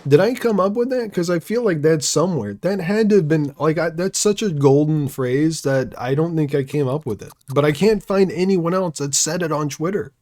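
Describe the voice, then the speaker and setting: A man's voice: a little high, moderate pace, few pauses, a little mellow. A young man chatting casually while streaming a game live, rambling through sarcastic asides.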